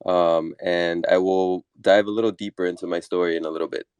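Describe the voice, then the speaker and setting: Low, smooth-voiced man from Chile. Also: steady tone, darkish tone, no echo, muffled recording. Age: 30s. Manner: measured, with frequent fillers. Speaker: deputy chief of staff. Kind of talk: panel discussion introduction. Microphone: audio-only online talk.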